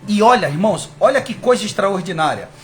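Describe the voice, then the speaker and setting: A man's voice: sits high, animated, a little fast, soft background music. A man preaching a sermon with fervor, speaking to his listeners as brothers. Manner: fervent, rising and falling, addresses listeners as brothers.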